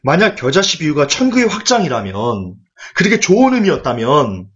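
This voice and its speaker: A man preaching a sermon in an animated, rhetorical way, acting out quoted voices as he goes. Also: high-pitched. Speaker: pastor. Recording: dull lo-fi recording.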